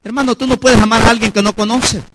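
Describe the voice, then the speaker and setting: A middle-aged man from Mexico preaching a sermon, dramatic, acting out the voices he quotes and shouting his high punch lines. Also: steady tone, fast, very noisy.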